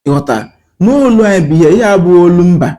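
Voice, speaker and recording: This Igbo-accented language host has a high-pitched, mellow voice with lively intonation. Addressing the camera, he mixes English and Igbo, teaches with sincerity, and leans on rhetorical questions, pauses, and filler words.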